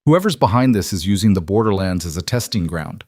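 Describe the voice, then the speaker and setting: A man's voice: low-pitched, animated, fairly quick, darkish tone, no echo, studio quality. A man voicing a fierce young heroine. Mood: resolute. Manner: firm and direct. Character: young woman, steady and fierce borderland advisor.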